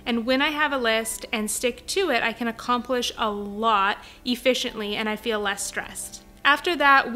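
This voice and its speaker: A young woman hosting her home vlog, upbeat, friendly and chatty. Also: on the high side. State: pregnant. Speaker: vlogger host. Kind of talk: cheerful vlog talk and voice-over narration. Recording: soft background music.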